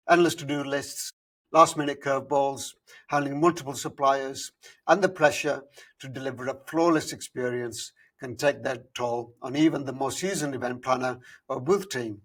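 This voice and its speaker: A man hosting a podcast, reading an upbeat scripted intro and then chatting casually with his guest, filling pauses with "uh.". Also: mid-range voice, a bit bright, breathy edge. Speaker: podcast host.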